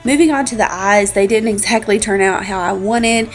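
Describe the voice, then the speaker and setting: This beauty vlogger, a woman in her 20s, casually talks through her makeup routine with background music behind her. Her medium-pitched voice sounds congested and slightly scratchy, moving at a moderate pace.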